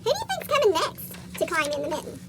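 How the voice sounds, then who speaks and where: A tiny chipmunk tells a children's storybook in a squeaky cartoon voice. It is extremely high and swoops up and down with animation. Loud noise runs through the recording. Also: huge pitch swings, quick pace, exaggerated voice. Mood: chirpy storytelling. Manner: asks young listeners questions. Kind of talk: read-aloud picture book storytelling.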